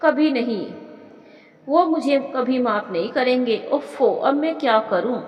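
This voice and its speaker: A woman's voice: high voice, expressive, unhurried, dull audio. A woman voicing a remorseful young daughter-in-law who talks in an anxious, self-reproaching way. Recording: echoey room with long reverb.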